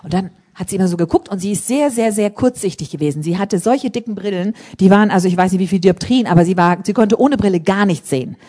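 A woman preaching a sermon in a church service, telling testimonies in an animated, emphatic way and rising to loud appeals. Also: mid-range voice, fast, hardly any pauses.

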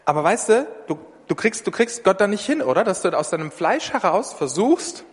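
A man's voice: high-pitched, normal speed. German man preaching in a reverberant hall. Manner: lively, conversational, addresses listeners directly. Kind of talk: sermon.

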